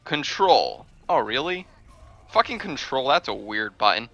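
A man doing excitable gameplay commentary, swearing freely and breaking into squealing laughs. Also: medium pitch, measured pace, no echo, muffled recording, faint music behind. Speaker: gaming video creator.

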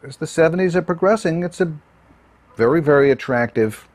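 A man commenting on music in an interview, deliberate and full of hesitations. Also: a little high, animated.

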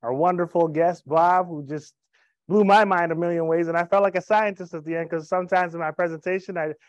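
Telling personal stories, a thirty-something man delivers an upbeat, humorous sales presentation to a live audience from the stage of an event room, holding a handheld mic. His voice is on the high side with a steady tone and a fairly quick pace. The audio is dry and muffled.

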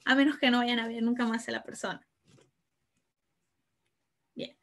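A woman's voice: on the high side, flat delivery, normal speed, a bit bright. A woman giving an informal talk, explaining patiently and tagging her sentences with questions to the audience. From Peru. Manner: explains patiently with many fillers and "¿no?" tags. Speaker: lecturer on Italian customs.

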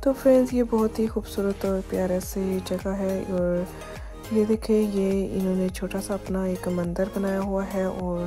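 A woman vlogging a walking tour outdoors through city streets at dusk, chatting casually and pointing out sights as she goes. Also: fairly low pitch. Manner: chatty, repeats "ye dekhiye" while pointing things out. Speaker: travel vlogger.

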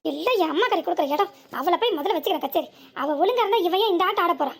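A woman's voice: very high voice, expressive, rapid-fire. A woman voicing a defiant young sister-in-law in a comic cartoon, with a southern Tamil village accent and a mocking, back-talking manner. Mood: sarcastic. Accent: southern Tamil village dialect. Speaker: cartoon character.

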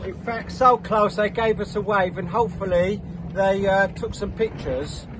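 A middle-aged vlog host with a fairly high voice films a casual, chatty vlog from a small dinghy on the open sea, joking and poking fun at himself. He holds a phone camera at arm's length, and loud wind and lapping water sit under everything he says.

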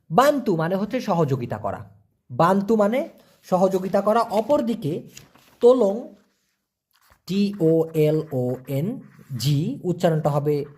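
A man teaching a vocabulary lesson, spelling words letter by letter and repeating them slowly. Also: high-pitched, a little mellow. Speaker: language teacher.

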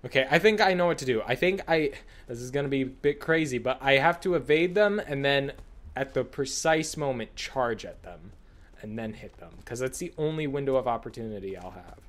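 A man's voice: mid-range voice, brisk. A man giving casual, exasperated, sweary commentary while he plays a horror video game. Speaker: gamer commentating on own play.

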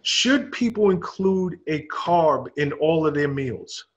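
A man in his forties hosting an interview over a video call, asking measured short questions. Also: on the high side, lively intonation, lo-fi sound. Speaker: host.

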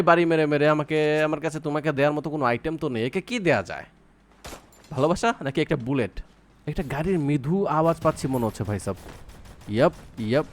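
A man's voice: on the high side, a little hiss or hum. A young man giving casual, playful commentary while playing a mobile shooter, teasing his opponents and coaching his teammates. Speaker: mobile game streamer.

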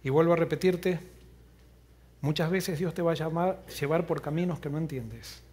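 A man preaching a sermon as pastor, retelling a story earnestly and often dropping to a low, quiet voice. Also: normal speed. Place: church.

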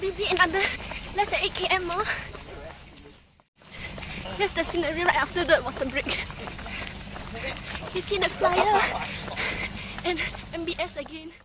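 A young woman chatting casually in short, excitable phrases, out of breath as she runs and records a vlog on her phone. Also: very high-pitched, measured pace, pauses often. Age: young adult. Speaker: vlogger running a race. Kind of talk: casual running vlog chat. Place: outdoors on a night race route. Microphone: phone at arm's length. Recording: noisy outdoor phone recording on the move. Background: clear outdoor ambient noise.

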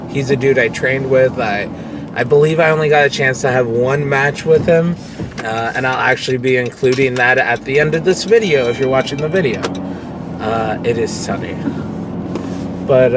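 A young man, a vlogger and pro wrestler, records casual talk to camera on a dashboard phone as he drives. His medium-pitched voice rambles candidly and swears freely, and the road and engine noise comes through clearly.

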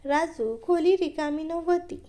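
Brief: a teasing woman in her thirties, read by the narrator, high and mellow. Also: expressive, slow. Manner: read plainly in the narrator's own voice.

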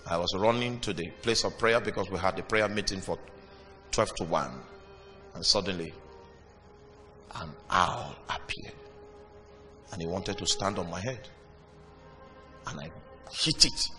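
Man preaching, bright forceful voice, long echo in a big hall, faint music under it. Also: low-pitched. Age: young adult or older. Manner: preaches with dramatic pauses and sudden loud bursts. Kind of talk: sermon. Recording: reverberant hall with music behind.

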